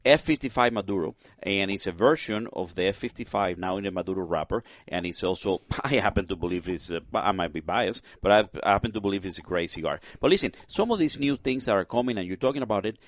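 A man's voice: low-pitched, animated, fast, hardly any pauses. A man from Cuba, chatting enthusiastically as a guest from the cigar industry. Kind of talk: casual chat.

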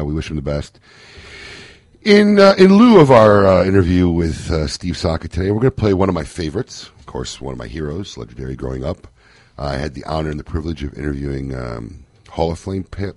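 A man's voice: rumbling low, sing-song, brisk, a little mellow, dry recording, clean studio sound. A man in his thirties from Chicago hosting a casual radio show, joking and interviewing with plenty of fillers.

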